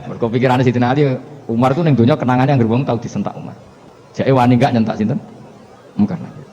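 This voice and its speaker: A man's voice: medium pitch, fairly even intonation, fast, mellow. A male Islamic cleric with a Javanese accent, giving a humorous religious lecture through stories and chuckling often. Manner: storytelling, chuckling, mixing in local words. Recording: dull lo-fi recording with faint hiss.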